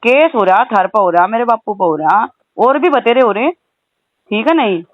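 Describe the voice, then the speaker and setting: On a recorded phone call, a woman with a western Uttar Pradesh accent argues heatedly, sounding insistent and aggrieved and frequently tacking on questioning tags. Her voice is on the high side with lively intonation at a moderate pace, and the recording is dry.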